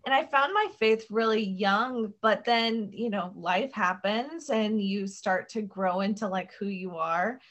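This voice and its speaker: Her mid-range voice is a bit bright and unhurried, with hardly any pauses. She's a young American podcast guest chatting informally about her faith, dropping plenty of "like"s and "um"s along the way.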